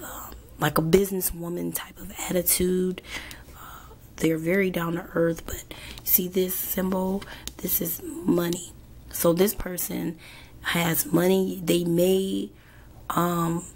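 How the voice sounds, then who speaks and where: Woman tarot reader, sore throat, hoarse and hesitant, lowish voice. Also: darkish tone. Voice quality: hoarse, half-whispered. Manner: slow and hesitant, many ums. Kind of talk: monthly tarot reading.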